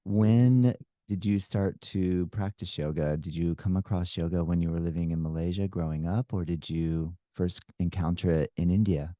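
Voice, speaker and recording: A man's voice: deep voice, steady tone, moderate pace, dry recording, clean studio sound. A man hosting a podcast, asking questions in a friendly, appreciative way. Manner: warm, appreciative, laughs easily. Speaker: podcast host. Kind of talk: casual interview conversation.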